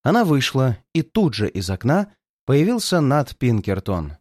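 Expressive male audiobook narrator. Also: medium pitch, measured pace, no echo, studio quality. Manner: expressive, dramatic reading. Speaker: audiobook reader. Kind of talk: scripted narration of a detective story.

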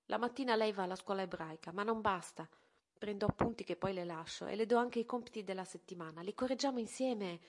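Una donna che legge la parte di Elena, una ragazza testarda che parla con foga alla madre. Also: female voice, mid-range voice, fast, lightly acted. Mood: earnest. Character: teenage girl, headstrong and defiant daughter.

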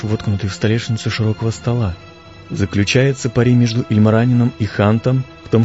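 A man reading an audiobook aloud in a measured, expressive way. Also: fairly low pitch. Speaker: audiobook reader. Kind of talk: audiobook narration. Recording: dull lo-fi audio with music.

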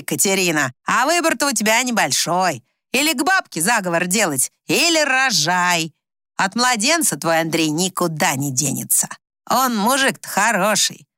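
A woman voicing a coarse, scheming older village woman with a hoarse voice, who scolds bluntly. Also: medium pitch, bright, forceful tone, no echo, clean studio sound.

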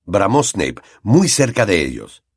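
A man reading a novel aloud with expressive storytelling. His voice is low-set and lively with a slightly husky grain, recorded close and dry. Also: unhurried, no room sound. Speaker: audiobook narrator. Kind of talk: scripted narration.

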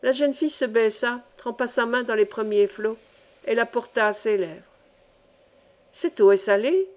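A woman narrates a classic adventure novel aloud, reading steadily and expressively. Her voice sits fairly high for a woman. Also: fairly even intonation, normal speed. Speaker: audiobook reader. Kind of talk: scripted narration.

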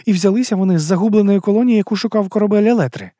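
A man's voice: high-pitched, rapid-fire, dry recording, clean studio sound, voice pushed up, close to an everyday voice. A man doing an irritated, impatient young woman. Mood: insistent. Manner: sharp, insistent questioning. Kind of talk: audiobook character voice.

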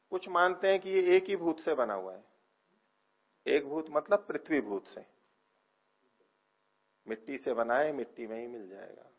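Male teacher, gravelly husky voice, lecturing on scripture; poses and answers his own questions, lets phrase ends fade, dull lo-fi recording. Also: medium pitch. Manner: explains slowly, asks and answers own questions; trails off softly at phrase ends. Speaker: teacher of philosophy.

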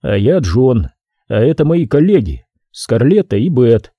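A man's voice: mid-range voice, very animated, mellow, no room sound, muffled recording. A man reading a dry, tired detective. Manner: dry, measured, sardonic. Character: tired, restrained male police detective. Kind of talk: audiobook character voice.

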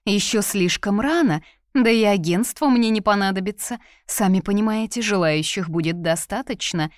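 A woman voicing a proud, charming female elf widow in an audiobook, speaking lighter and higher than her narration. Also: normal speed, dry recording, clean studio sound, natural voice. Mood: composed.

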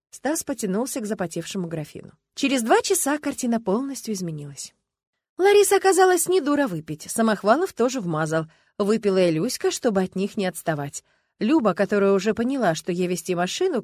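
Expressive woman reading an audiobook. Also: mid-range voice, fairly quick, dry recording. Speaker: audiobook narrator. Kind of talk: scripted narration.

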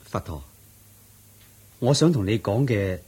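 Ananda, an earnest, devoted disciple. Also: male voice, fairly low pitch, lively intonation, slow pace, darkish tone, breathy edge, full character voice. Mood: earnest, respectful. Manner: earnest, respectful, explaining at length. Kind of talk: 1980s-style radio drama acting.

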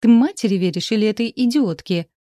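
A woman's voice: brisk, warm tone, dry recording, lightly acted. A woman voicing a whiny, manipulative old bedridden mother who wails and complains. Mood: whining. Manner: plaintive, wailing, shrill.

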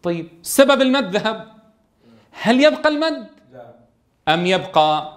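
A man's voice: high voice, sing-song, moderate pace, a bit bright. A man teaching a tajweed lesson in a classroom, keeps asking his students questions and answering them himself. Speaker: Quran recitation teacher.

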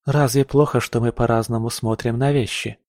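A soft-spoken young noblewoman in an audiobook, voiced by a male narrator. She talks thoughtfully and gently. The sound is dry and close. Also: mid-range voice, steady tone, moderate pace, dry recording, close to an everyday voice. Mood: gentle.

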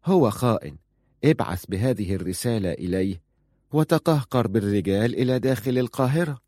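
A man's voice: on the low side, lively intonation, a little fast, mellow, dry recording. A bold, clever young wife speaks with teasing confidence in a dry, close audiobook recording , voiced by a man. She stays sure of herself and a touch playful. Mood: soft.

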